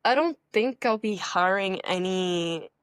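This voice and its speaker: A teenage girl from Thailand appears as a podcast guest over a video call, chatting upbeat and full of fillers about her online coaching work in a casual conversational interview. Her mid-range voice is clear and resonant, a little slow, and the recording is dry.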